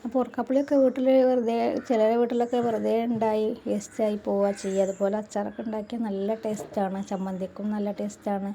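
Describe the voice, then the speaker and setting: A woman's voice: mid-range voice, little pitch movement, fast talker, hardly any pauses, dark tone, slight background noise. Chatty woman's cooking voice-over. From Malappuram, Kerala. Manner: chatty, adds tag words often. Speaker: cooking channel host.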